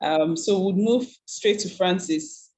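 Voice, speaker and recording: A woman's voice: on the low side, slow, dark tone, poor audio. A woman, courteously moderating an online meeting and calling on presenters. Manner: courteous, directive. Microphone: video call.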